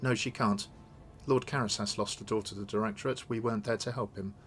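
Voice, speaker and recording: A man's voice: lowish voice, steady tone, quick pace, fairly bright tone, soft background music, close to an everyday voice. A man voicing a resolute, wronged noblewoman in a video game, formal and accusing. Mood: formal, earnest. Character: stern, wronged noblewoman seeking her throne. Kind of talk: read-aloud of video game dialogue.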